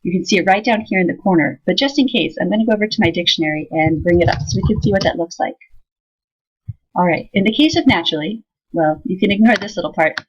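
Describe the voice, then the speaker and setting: A woman teaching a software tutorial in a casual way, thinking aloud with fillers as she demonstrates. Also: on the low side, lively intonation, fast, husky. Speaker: instructor. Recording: slightly dull lo-fi sound.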